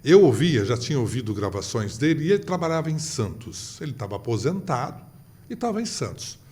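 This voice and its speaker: Animated Brazilian veteran radio announcer. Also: male voice, mid-range voice, brisk. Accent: Brazilian Portuguese. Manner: animated, acts out quoted voices. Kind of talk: storytelling in a casual interview.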